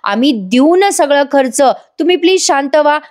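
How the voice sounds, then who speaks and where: A woman voicing a young man who politely tries to calm an angry stranger. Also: high-pitched, fairly quick, pitched above the performer's own voice, close to an everyday voice. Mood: placating.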